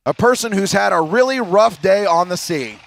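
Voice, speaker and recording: An American man doing airshow commentary as the announcer, addressing a crowd in a showman's style with drawn-out emphasis. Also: sits high, expressive, vocal fry.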